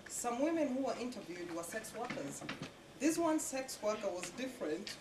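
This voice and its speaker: A woman's voice: on the high side, very animated, normal speed, heavy background noise. Young woman introducing a stage monologue. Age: young adult. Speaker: student performer introducing a monologue. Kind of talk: staged narration. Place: college building stage before an audience. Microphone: distant camera mic. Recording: roomy, distant live-hall recording.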